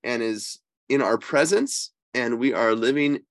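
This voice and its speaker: A man who is a priest, slightly wheezy and congested with a cold, giving conversational religious teaching in an emphatic, halting way. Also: mid-range voice, a bit bright, no room sound. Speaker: priest and co-host.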